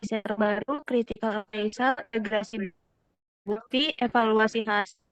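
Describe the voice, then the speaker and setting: A woman's voice: a little high, fairly even intonation, no echo. A woman presenting in an online class, her voice choppy and glitching as the video-call audio keeps cutting out. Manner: halting, slowed fragments. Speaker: student presenter.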